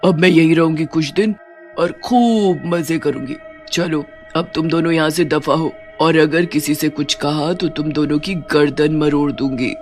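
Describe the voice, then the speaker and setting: A woman's voice: low voice, fairly even intonation, measured pace, darkish tone, soft background music. A woman voicing a greedy, bossy female witch in a cartoon story, cackling and threatening. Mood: gleeful.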